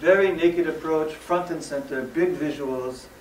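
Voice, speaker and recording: A man from the West Coast of the United States giving a lively, joking stage presentation in plain, simple English. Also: on the high side, unhurried, a little hiss or hum. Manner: lively, jokey, simple English for a Japanese audience. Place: large hall, recorded from afar. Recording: echoey hall, far from the mic.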